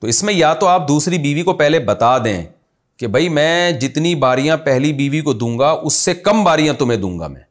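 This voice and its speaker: Speaking with a Pakistani Urdu accent, a male Islamic scholar takes religious questions from listeners and answers them in a conversational way, illustrating with examples. He sounds slightly high and animated, talking at normal speed.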